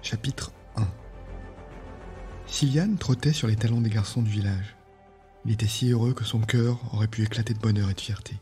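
A male podcast host reading a fantasy novel aloud in a calm, measured narration. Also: on the low side, soft background music.

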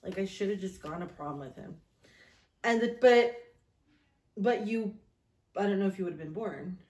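This thirties-aged woman hosts a vlog, making casual conversation and reading aloud from an old journal in a self-deprecating, storytelling style. Her mid-range voice is darkish and moderately paced. She's at a table in a small indoor room with echoey acoustics.

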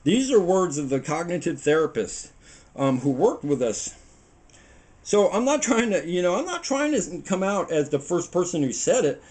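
This middle-aged home cooking host talks in a rambling, casual, preachy way as he kneads dough at his kitchen table. His voice is somewhat high for a man, sing-song and darkish, at a moderate pace. It is recorded by a camera mic sitting on the table a few feet off in a small home kitchen.

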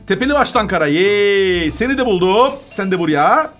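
Playful woman with a lively, bouncing voice. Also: mid-range voice, fast, soft background music. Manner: chatty and playful, sings little tunes and giggles. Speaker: kids' gaming channel host. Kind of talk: playful game commentary for children.

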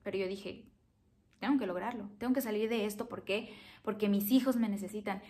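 Young woman vlogger, earnest and emotional, mid-pitched voice, personal story to camera. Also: a little fast, mellow. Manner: earnest and emotional, repeating phrases.

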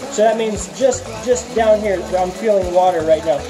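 Middle-aged man, halting tour guide, outdoor farm, handheld camera, loud music underneath. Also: sits high, rough recording. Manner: halting, many fillers and restarts. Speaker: fish farm owner giving a tour. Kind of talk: casual walking tour explanation. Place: outdoor covered fish farm. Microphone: handheld camera nearby. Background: loud music added over the talk.

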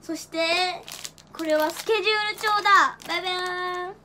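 A teenage woman chatting casually on a livestream, excitable and giggly, with playful gyaru-style slang and silly sound effects. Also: very high-pitched, moderate pace. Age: teens. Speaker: idol livestreamer. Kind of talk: casual livestream chat, showing gifts. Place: small decorated room indoors. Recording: faint background noise.

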